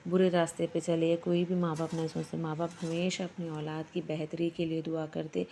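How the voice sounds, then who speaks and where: A middle-aged woman, gently giving religious advice in a casual vlog voice-over. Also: on the low side, creaky, a little hiss or hum. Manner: gentle, repetitive, instructive. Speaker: vlogger.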